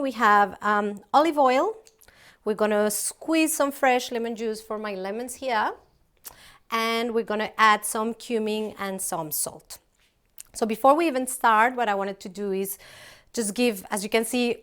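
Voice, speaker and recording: Colombian-born woman chatting through a recipe in a big kitchen, lots of ums, camera a bit off. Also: a little high. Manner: chatty, warm-hearted, many ums and restarts. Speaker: company founder presenting a recipe. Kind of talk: casual cooking demonstration. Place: large open kitchen with big windows.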